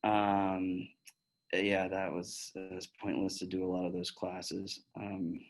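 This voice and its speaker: A man in his thirties with a slightly low voice talks openly to pre-med students about his path into medicine. His delivery is relaxed and conversational, dotted with fillers and false starts as he answers questions one by one. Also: takes it slowly, low-quality recording. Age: 30s. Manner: candid and chatty, with many fillers and restarts. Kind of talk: casual Q&A talk.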